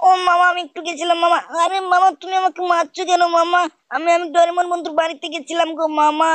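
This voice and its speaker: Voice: very high-pitched, little pitch movement, fast talker, fairly bright tone, no room sound, pitched above the performer's own voice. A gamer voicing a whiny little cartoon boy nephew who pleads with his uncle in every sentence. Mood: whining. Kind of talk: cartoon voice over gameplay.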